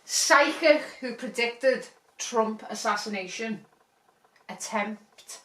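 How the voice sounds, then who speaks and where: A woman co-hosting a casual chat podcast, giggly and animated, recorded roomy and from a distance. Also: a little high, takes it slowly, slight background noise. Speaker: podcast co-host.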